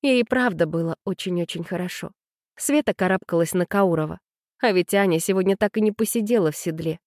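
A woman's voice: lowish voice, a little fast, a little mellow, no room sound, studio quality. Woman narrating an audiobook.

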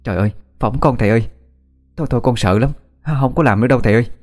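A man's voice: medium pitch, racing, soft background music, pitched above the performer's own voice, lightly acted. A man voicing a terrified young woman who screams and pleads in a told ghost story. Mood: frightened pleading. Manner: shrieking and pleading.

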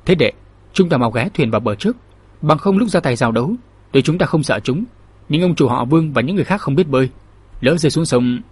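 A composed young swordswoman talks things through with measured persuasion, read by a man in his own voice. The voice stays husky and dry. It sounds like a storybook reading. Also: a little high, expressive, dry recording. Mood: urging.

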